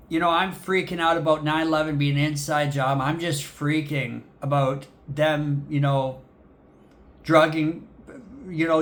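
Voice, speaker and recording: A young man tells a story straight to camera in a loose, rambling way, full of ums and swearing. His voice sits a little high for a man. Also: a bit bright. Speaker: vlogger.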